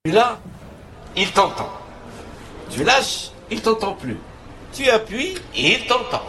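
An earnest, insistent father with a fairly high, lively male voice. He instructs step by step and repeats himself. It is a film comedy scene with faint noise behind. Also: takes it slowly, full character voice. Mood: earnest instructing. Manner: emphatic, repetitive instructing. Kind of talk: naturalistic film comedy acting.

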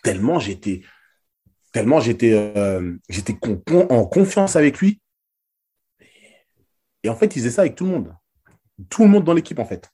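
A former basketball player and interview guest, telling anecdotes in a loose, slangy, emphatic way with many repeated words. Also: male voice, medium pitch, lively intonation, moderate pace, pauses often, warm tone, slightly rough. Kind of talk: casual storytelling.

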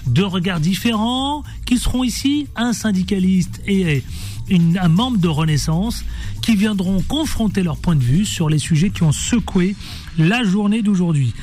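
A male radio host with a high voice that swings up and down a lot. He talks playfully and with plenty of energy, moving fast from one topic to the next. Faint music plays behind him in the studio. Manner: animated, playful, jumps between topics. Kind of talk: lively radio show chat.

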